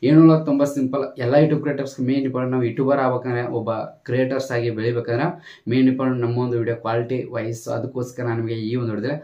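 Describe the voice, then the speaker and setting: A man talks at high speed in a level, mid-pitched tone over dull-sounding audio, guiding listeners through an app in a casual tutorial. He repeats steps as he explains them and borrows English tech terms.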